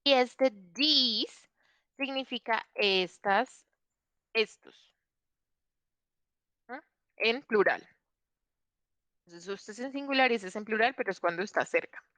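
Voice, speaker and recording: A woman's voice: medium pitch, lively intonation, unhurried, pauses often, fairly bright tone, no echo. A woman teaching an online English class, explaining patiently and checking in often with her students.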